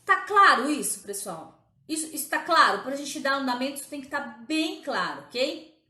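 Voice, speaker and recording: A woman's voice: sits high, big pitch swings, normal speed, pushed and bright, roomy sound. A woman teaching in a live-streamed talk as a motivational coach, emphatic and often checking in with her listeners.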